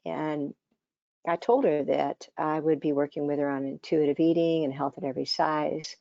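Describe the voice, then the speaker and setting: An older woman of around seventy, a dietitian, gives a conversational conference presentation with many fillers and restarts. Her voice is low, scratchy, hoarse and mellow, with little pitch movement at a moderate pace. The dry recording has its highs cut off.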